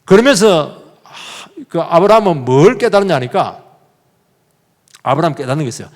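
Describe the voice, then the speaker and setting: A man's voice: a little high, moderate pace. A male pastor preaching a sermon in a church, telling the story vividly and putting questions straight to his congregation. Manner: lively, questions the congregation directly; animated storytelling with sudden emphatic bursts. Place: church sanctuary. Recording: long reverb of a church hall.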